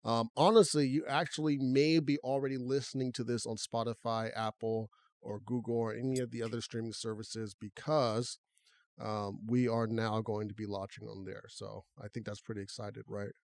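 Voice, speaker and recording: A man's voice: mid-range voice, moderate pace, no room sound, studio quality. A man co-hosting a podcast, chatting casually and thinking aloud as he talks. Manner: relaxed, conversational, talks through restarts. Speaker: podcast co-host.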